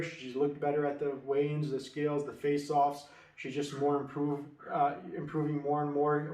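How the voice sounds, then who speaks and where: A man's voice: a little high, darkish tone, distant mic. A man giving casual, confident fight-betting predictions, rambling with many restarts and fillers. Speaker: MMA betting tipster. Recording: echoey room, away from mic.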